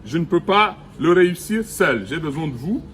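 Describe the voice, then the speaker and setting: A middle-aged man giving a recorded language lesson outdoors, speaking slowly and deliberately and repeating each vowel and example word. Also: on the high side, expressive, fairly bright tone, slight background noise. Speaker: language teacher. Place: outdoors in the sun.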